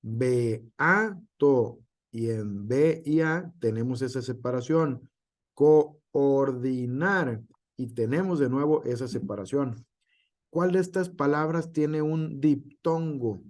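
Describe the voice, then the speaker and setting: A male teacher lecturing to an online class at a slow, unhurried pace and a middle pitch. He sounds out example words one at a time. He fills his pauses with "este" and keeps checking in with "¿sale?". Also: darkish tone. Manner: frequent fillers and tag question.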